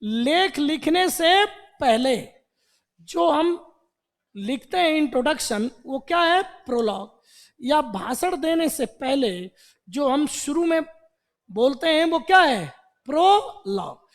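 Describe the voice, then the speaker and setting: A man teaching an online vocabulary lesson in Hindi, explaining word roots with animated repetition and rhetorical questions. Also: very high-pitched, takes it slowly. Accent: Indian Hindi.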